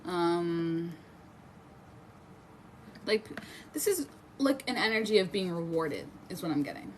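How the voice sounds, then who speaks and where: A woman's voice: on the low side, expressive, slow pace, a little hiss or hum. A woman in her twenties giving a casual, chatty tarot reading on a live stream, swearing freely and talking to her viewers. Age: 20s. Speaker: tarot reader.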